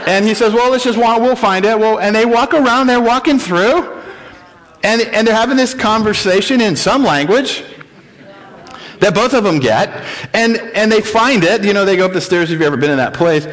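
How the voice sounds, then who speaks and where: Male pastor, high voice, animated sermon storyteller who chuckles often. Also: moderate pace. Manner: animated retelling with frequent chuckles.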